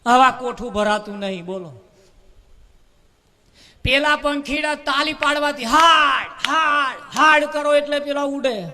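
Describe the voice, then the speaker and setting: A man telling a humorous parable at a devotional gathering, lively and fond of drawn-out repetition. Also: very high voice. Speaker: devotional storyteller at a bhajan gathering.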